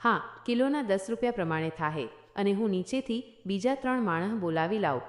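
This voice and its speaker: A cheeky working-class porter in a storybook tale, read by a woman, haggling in a blunt rustic dialect. The voice sits at a middle pitch. It rings in an echoey room. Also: expressive, brisk, close to an everyday voice.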